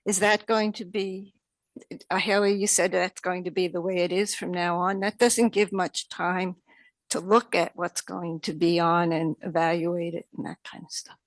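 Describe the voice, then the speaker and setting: A woman with a New York accent giving public comment at a township meeting, halting with many fillers and restarts. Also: lowish voice, level tone, no echo.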